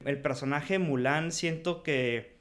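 A man's voice: a little high, takes it slowly, a bit bright. A man with a Mexican accent co-hosting a podcast, giving a frank, slangy film review and laughing often. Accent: Mexican Spanish. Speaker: podcast co-host. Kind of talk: casual film review chat.

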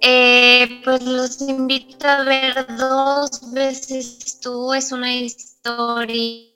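A woman's voice: high voice, little pitch movement, drawn-out words, bright, forceful tone, faint music behind. A young woman from northern Mexico, an actress, speaking as a guest in a casual interview and giving direct, encouraging advice. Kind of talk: casual video-call interview.

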